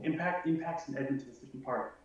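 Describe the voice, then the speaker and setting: A man's voice: mid-range voice, fast, highs cut off. Joking man, echoey and distant. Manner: casual, joking, storytelling. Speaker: guest. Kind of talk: casual interview.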